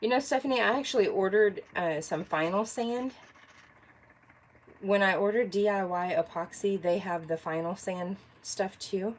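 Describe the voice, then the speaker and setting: During a live craft stream from her home workspace, a woman chats casually, thinking aloud and answering viewers by name. Allergies leave her congested. Her voice sits at a medium pitch and normal pace, and the recording quality is low.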